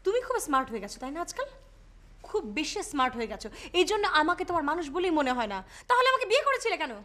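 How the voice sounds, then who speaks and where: A woman's voice: high voice, sing-song, very fast, a bit bright. An actress playing a wife who pleads with and confronts her husband, hurt by him. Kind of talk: TV drama acting.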